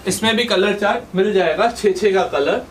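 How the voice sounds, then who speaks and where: A man, a shop owner showing his stock in a matter-of-fact casual sales pitch. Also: moderate pace, a little hiss or hum. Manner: matter-of-fact, listing items in short phrases.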